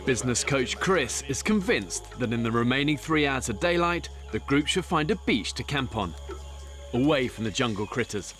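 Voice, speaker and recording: A male narrator reads a documentary voice-over in a calm, measured, explanatory way. His pitch sits in an ordinary middle range. Clear music plays underneath him.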